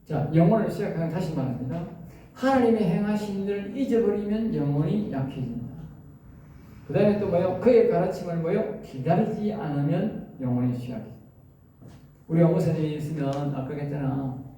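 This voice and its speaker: A man preaching a Bible lecture to a class, often stopping to quiz his listeners with quick questions. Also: sits high, dark tone. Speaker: preacher teaching at a seminary. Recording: very echoey room, mic far off, faint noise.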